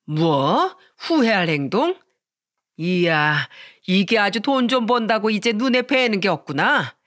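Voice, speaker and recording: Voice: medium pitch, very animated, measured pace, fairly bright tone. A narrator voicing an angry older mother-in-law who wails, scolds and curses in a raised voice. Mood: spiteful. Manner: wailing, scolding and cursing.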